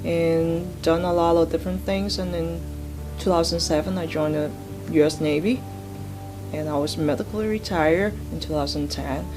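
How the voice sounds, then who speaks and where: A woman's voice: deep voice, steady tone, normal speed, over music. Earnest woman navy veteran from Hong Kong. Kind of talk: interview testimony.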